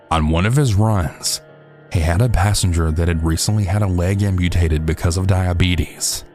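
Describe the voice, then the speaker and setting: Deep-voiced man narrating scary stories. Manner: steady, measured storytelling. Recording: faint background music.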